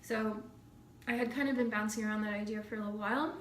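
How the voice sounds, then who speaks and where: A quick-paced young woman with a mid-range, fairly evenly intoned voice gives a casual to-camera update on her recovery. She has a slight cold and clears her throat while rambling with lots of fillers; the room is echoey, with a faint hum.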